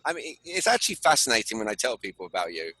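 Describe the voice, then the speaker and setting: A British-born man chatting casually as a guest over a video call, jokey and animated. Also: medium pitch, racing, husky, no echo, poor audio. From Britain.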